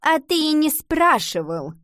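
Woman voicing a vain touchy mother, gushing, lively swooping pitch, dry close sound. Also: measured pace, no room sound. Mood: offended. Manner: gushing, offended about her age.

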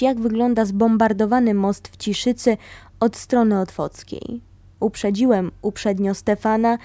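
Woman calmly reading a memoir. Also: on the high side, no echo. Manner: calm, steady storytelling. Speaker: reader of a memoir.

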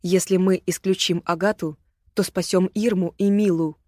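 A woman reading an audiobook voices a worried young woman who speaks hoarsely and gravely. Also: fairly low pitch, fairly even intonation, normal speed, a little mellow, no room sound, studio quality, lightly acted.

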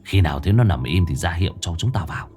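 A man voicing a bossy young gang leader who gives hushed, low commands. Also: lively intonation, fast, soft background music. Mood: hushed orders.

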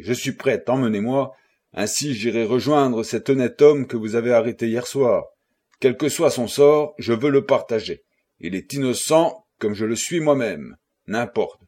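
A theatrical young widow with a plaintive, tearful voice, read by a man narrating a storybook. The voice is husky, and her tone is low and hushed. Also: close to an everyday voice. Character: jeune veuve blonde éplorée, théâtrale.

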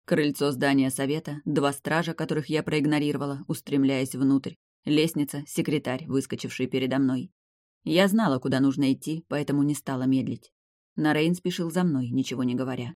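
A woman narrating a first-person fantasy audiobook with an expressive, dramatic reading. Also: very deep voice, a little fast, no echo, studio quality.

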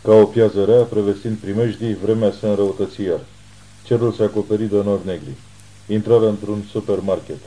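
Deep, dark-voiced male audiobook narrator. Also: fairly even intonation, rough recording. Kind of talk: scripted narration.

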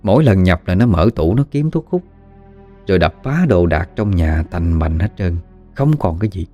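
Low-voiced Southern Vietnamese storyteller. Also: male voice, expressive, moderate pace, mellow. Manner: conversational, dramatic asides. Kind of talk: ghost story narration. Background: faint music.

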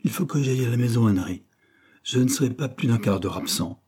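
A man's voice: mid-range voice, lively intonation, brisk, warm tone, breathy edge, pitched above the performer's own voice. A man reading the lines of an honest, kind young man in a French storybook, speaking earnestly. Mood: hurried. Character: frank, well-mannered young man.

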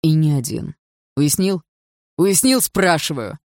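Calm tough young guy, quiet threats, low voice, woman reading. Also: a little fast, vocal fry, slightly rough, no echo, clean studio sound, heavily acted. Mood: threatening. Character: confident mocking young man, Misha.

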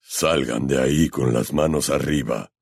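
A rough, menacing snatcher bellows orders in a very deep, gravelly growl. He sounds set back from the listener, with a dry sound and no room around it. This is an audiobook villain, hostile and impatient. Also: unhurried, dry recording, full character voice. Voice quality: gruff, gravelly. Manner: shouting threats.

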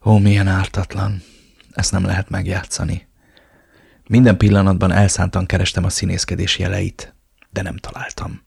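Male audiobook narrator, very low and husky, dry close sound, brooding first-person read. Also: monotone, a little mellow, no echo. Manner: brooding, inward.

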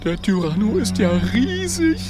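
A man's voice: high-pitched, very animated, moderate pace, over loud music, pitched above the performer's own voice. A man voicing a feisty, eager young male dragon in a children's storybook. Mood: awed.

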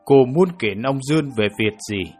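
A man voicing a stern prosecutor who questions a suspect in a slow, measured manner in an audiobook drama. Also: medium pitch, expressive, faint music behind, natural voice. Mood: probing. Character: stern male prosecutor, calm and probing.

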